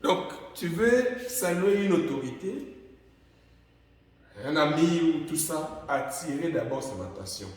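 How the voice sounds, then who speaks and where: A man's voice: a little high, lively intonation, slow pace, darkish tone. A man with a Central African French accent teaching English in a classroom, calling out example phrases with emphasis. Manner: drills English words with raised, emphatic calls. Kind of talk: classroom lesson. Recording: echoey room, far from mic.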